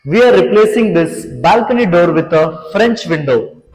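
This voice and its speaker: A young man, a renovation company founder, walks through an empty apartment explaining planned changes in a measured, presenting way, on a lapel mic. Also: high-pitched, animated. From India. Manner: measured, explanatory, pointing out features. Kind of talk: scripted walkthrough presentation. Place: large empty apartment rooms, indoors. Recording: echoey empty rooms with background music.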